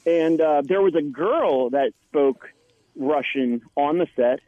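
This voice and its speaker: A man who is an actor, chatting as a guest and telling stories with lively quoted lines. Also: fairly high pitch, slow pace, no room sound. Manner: animated storyteller, quotes others. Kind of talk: casual interview chat. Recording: dry tinny phone-like line.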